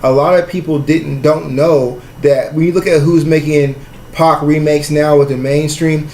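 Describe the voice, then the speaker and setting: A man from the Pacific Northwest with a slightly high voice hosts a casual interview. He speaks in a slangy, roundabout way. The room echoes noticeably and there is faint noise. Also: fairly even intonation, normal speed, darkish tone. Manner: slangy, discursive, often says "you know what I mean". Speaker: podcast host, interviewer. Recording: roomy echo, faint background noise.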